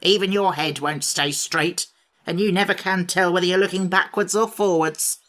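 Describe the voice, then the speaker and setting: A woman's voice: deep voice, normal speed, bright, forceful tone. A woman voicing a grumpy, sneering male wooden sawhorse in a storybook reading. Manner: sneering, grumbling.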